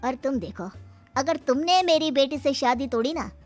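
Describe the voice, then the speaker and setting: Woman acting shrewd, wealthy father, high-pitched. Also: expressive, moderate pace, faint music behind. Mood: threatening. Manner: assertive, sly bargaining. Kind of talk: moral story dramatization.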